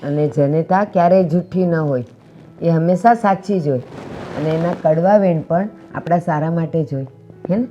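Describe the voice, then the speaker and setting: An actress playing a kind older mother-in-law who gently gives advice, in a short drama. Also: low voice, normal speed, dull audio, music in the background, close to an everyday voice. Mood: gentle. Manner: gentle, advising.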